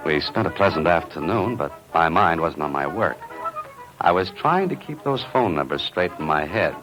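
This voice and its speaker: In a vintage 1950s radio mystery with music, a man plays a cool, sly investigator narrating his own adventure. His low-pitched voice is expressive and moves at a normal speed, with a wry, measured mood and a dry, clipped, playfully sly manner. The recording quality is low.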